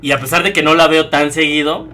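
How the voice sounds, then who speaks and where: A man's voice: on the high side, fast talker, a little hiss or hum. A young man with a Mexican accent, a streamer casually telling a story, slangy and full of swearing. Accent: Mexican Spanish. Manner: profane, slangy and animated.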